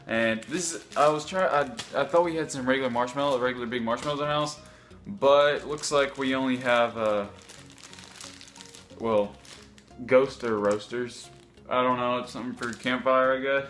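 A man's voice: medium pitch, moderate pace, a bit bright, faint music behind. A young man chatting casually to camera as a vlogger, rambling with unsure asides. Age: young adult. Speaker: YouTube vlogger. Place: home kitchen.

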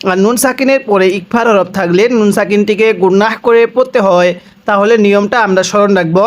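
A man with a Bangladeshi Bengali accent teaching Quran recitation, spelling out each syllable and then reciting the word slowly. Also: high voice. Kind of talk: step-by-step spelling and recitation lesson.

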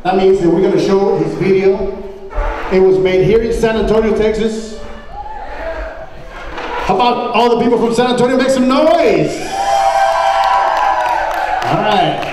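High-voiced male emcee booming through loudspeakers. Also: a little slow, pauses often. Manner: hypes the crowd, calls for noise. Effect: amplified through loudspeakers. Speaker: event emcee. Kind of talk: announcing at a live concert. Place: large indoor venue with a crowd. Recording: echoey hall, distant from the mic. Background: crowd noise.

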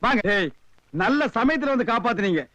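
An actor playing a sharp-tongued man who sarcastically scolds and mocks a group of beggars in a film comedy scene. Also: very high voice, animated, a little fast, no echo, lo-fi sound. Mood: mocking. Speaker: comic film character. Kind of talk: Tamil film comedy dialogue.

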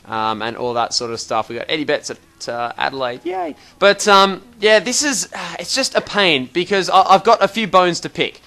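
A man's voice: high-pitched, sing-song, normal speed, few pauses, bright, forceful tone. Chatty Australian man explaining a game. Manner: rambling and chatty, full of fillers and restarts, mildly exasperated. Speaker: gaming video host. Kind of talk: casual game tutorial commentary.

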